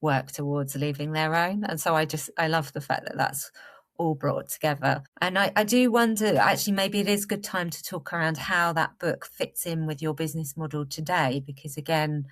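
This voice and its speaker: A woman's voice: low-pitched, normal speed, fairly bright tone, no room sound, studio quality. A woman podcast host who speaks with a smile, enthusiastic about her guest's work as she leads into her next question. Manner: smiling, enthusiastic. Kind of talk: interview host.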